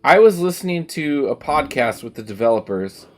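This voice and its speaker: Chatting over a game on his livestream, a male streamer gives opinions emphatically and casually, swearing now and then. He has a medium-pitched voice with big pitch swings and a moderate pace, with faint music behind him.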